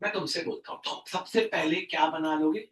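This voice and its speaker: A man teaching a classroom chemistry lesson as a tutor, asking questions and answering them himself, with loud bursts of emphasis and English science terms mixed into his speech. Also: a little high, steady tone, a little fast. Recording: echoey room, mic at a distance.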